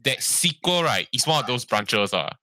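A man's voice: medium pitch, sing-song, moderate pace, sharp tone, a little hiss or hum. A man in casual podcast chat, rambling and tagging sentences with "lah". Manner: rambling, frequent "lah" and "ah" tags, swears. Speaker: podcast co-host.

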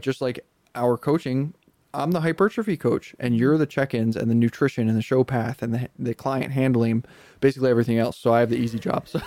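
A man's voice: medium pitch, mellow, dry recording. A man co-hosting a podcast as a coach, talking in an easygoing, chatty way and laughing between points. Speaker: podcast co-host and hypertrophy coach. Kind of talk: casual chat.

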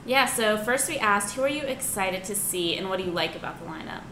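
A woman's voice: medium pitch, lively intonation, fairly quick, pushed and bright. Enthusiastic young woman in a noisy, echoey room. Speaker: podcast co-host. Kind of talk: casual chat. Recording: roomy echo, clear background noise.

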